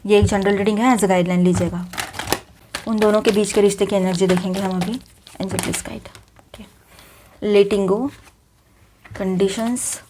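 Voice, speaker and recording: With long pauses and a steady tone, a woman reads tarot cards to her viewers at a moderate pace in a dark, mid-range voice; a little hiss or hum sits in the recording. She speaks conversationally in Hindi with a Hindi accent, mixing in English, using many fillers and often starting sentences over.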